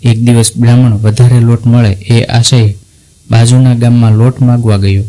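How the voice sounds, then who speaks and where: Male narrator, devotional tale, flat delivery, mellow tone. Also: medium pitch, moderate pace, rough recording. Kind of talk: scripted devotional story narration.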